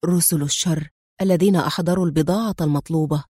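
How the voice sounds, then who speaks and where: A woman's voice: steady tone, quick pace, husky, no room sound, clean studio sound. A woman voicing a sardonic male secret agent. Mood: mocking whisper. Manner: low, mocking, hushed delivery.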